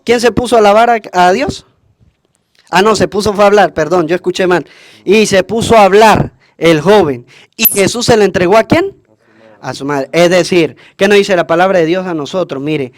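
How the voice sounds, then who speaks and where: High-voiced priest quizzing his congregation. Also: dry recording, clean studio sound. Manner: asks the congregation questions and answers them himself. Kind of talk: call-and-response homily at Mass.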